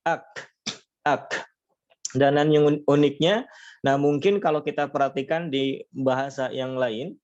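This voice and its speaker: Man, patient online recitation teacher, models sounds slowly, slightly dull lo-fi audio. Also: medium pitch, darkish tone. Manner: patient explaining, frequent fillers, demonstrates sounds slowly. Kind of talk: online lesson.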